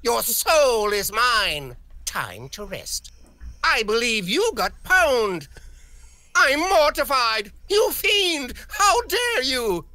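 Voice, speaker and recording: A boastful high vampire undertaker. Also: male voice, very animated, drawn-out words, pushed and bright, no echo, full character voice. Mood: menacing. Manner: theatrical, boastful declaiming. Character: grandiose male vampire undertaker, theatrical. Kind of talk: video game voice lines.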